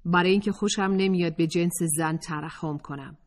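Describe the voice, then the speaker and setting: A woman's voice: on the low side, fairly even intonation, in a large hall, lightly acted. Woman playing an outspoken student activist. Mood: assertive. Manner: firm and assertive.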